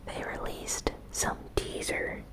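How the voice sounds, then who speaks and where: A woman whispers breathily while hosting an ASMR recap of gaming news, keeping her commentary soft, unhurried, and informal.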